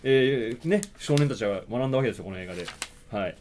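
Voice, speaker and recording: A man's voice: medium pitch, animated, fast, a little mellow, slight background noise. A man in casual chat, animatedly retelling a movie's plot and acting out its lines. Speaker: podcast co-host.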